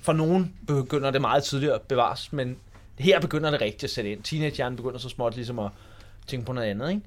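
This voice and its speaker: A man in his forties telling a school anecdote in a casual chat, acting out the people in the story. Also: medium pitch. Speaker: podcast host.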